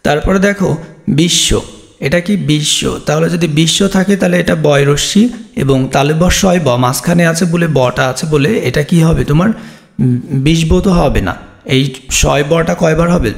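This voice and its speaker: A man's voice: fairly high pitch, moderate pace, creaky. A man teaching an exam-prep grammar lesson, explaining step by step and answering his own questions.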